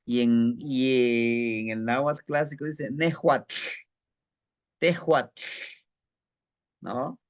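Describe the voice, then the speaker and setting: A man from Guerrero, Mexico, with a Guerrero Mexican Spanish accent, teaching Nahuatl in an unhurried, halting way, often repeating words and asking rhetorical questions. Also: medium pitch, fairly even intonation, clear, resonant tone. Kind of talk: casual spoken lesson.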